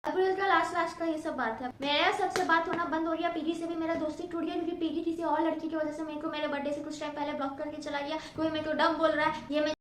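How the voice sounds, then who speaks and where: Young woman vlogger, high voice, talks fast, echoey room with faint hiss. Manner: animated, mixing Hindi and English, mimics others. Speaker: storytime vlogger. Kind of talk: casual storytelling.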